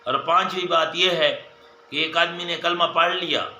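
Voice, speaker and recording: A man's voice: on the high side, fairly even intonation, bright, forceful tone, a little hiss or hum. A man giving a religious lesson as a mufti, counting off his points one by one and repeating them, often turning to the viewers as dear friends. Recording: echoey room with faint ambience.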